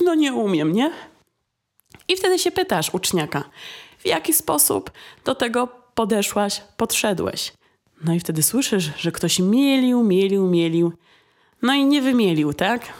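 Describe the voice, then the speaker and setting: A woman vocal coach giving a casual video lesson, chatty and often checking in with quick questions like "right?". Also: medium pitch. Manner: acts out students and sings short demonstrations.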